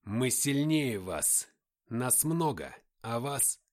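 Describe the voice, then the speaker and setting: Narrator voicing a cold, hissing otherworldly male creature; slow, deliberate, threatening delivery for an audiobook. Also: mid-range voice, very animated. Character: menacing inhuman male being, cold and slow. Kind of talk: audiobook character voice.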